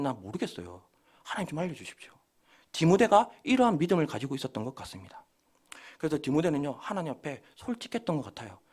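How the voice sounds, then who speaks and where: Male pastor, high voice, quick and animated, dramatizes quotes in a sermon. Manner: lively, acts out quoted prayers and boasts.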